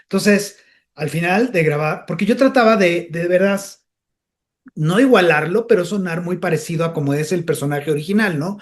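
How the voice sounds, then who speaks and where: A man chats as a guest in a relaxed interview. He tells stories with lively energy and now and then dips into character voices. His voice sits a touch higher than most men's. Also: normal speed. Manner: animated storyteller who slips into character voices. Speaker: comedian and voice actor, guest. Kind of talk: casual interview chat.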